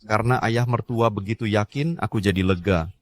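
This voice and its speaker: A wronged young hero voiced by a man in a drama dub who is set on clearing his parents' name. His voice sits a little low. He speaks with intense resolve. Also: a little fast, natural voice. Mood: resolute. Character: wronged young male hero, son-in-law. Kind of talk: dubbed drama acting.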